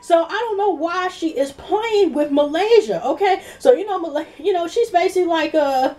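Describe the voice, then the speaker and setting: A woman's voice: very high-pitched, moderate pace. A woman vlogger rambling casually through a gossipy TV recap, acting out what people said. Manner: rambling, animated, gossipy retelling. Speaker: YouTube TV reviewer.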